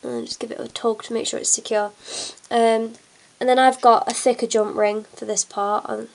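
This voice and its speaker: With a cold clogging her nose, a young woman talks her way through a hands-on craft at a table indoors, hands in view, chatty and full of ums. Her higher voice is creaky and a little mellow, with fairly even intonation at a normal speed.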